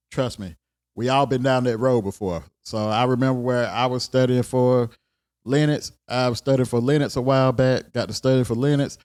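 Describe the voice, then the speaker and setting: A man hosting his own show, giving relaxed, conversational career advice with a regional American accent and plenty of repetition. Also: medium pitch. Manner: relaxed, conversational, repeats himself. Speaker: host. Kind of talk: casual career advice talk.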